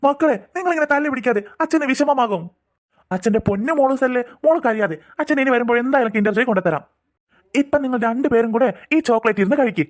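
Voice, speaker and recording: Woman voicing a pleading cartoon father, rather high voice, talks fast. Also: expressive, natural voice. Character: soft pleading father, flustered and apologetic. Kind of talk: cartoon voice acting.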